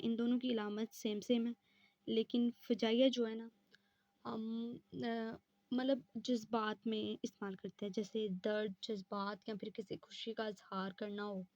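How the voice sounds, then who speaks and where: A woman's voice: fairly high pitch, a little mellow, dry recording, dull audio. A woman teaching an exam-prep lesson, explaining step by step and answering her own questions.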